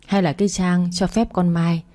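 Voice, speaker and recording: A woman's voice: fairly low pitch, level tone, normal speed, mellow, natural voice. A woman reading as an insistent, fussing old mother-in-law. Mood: coaxing.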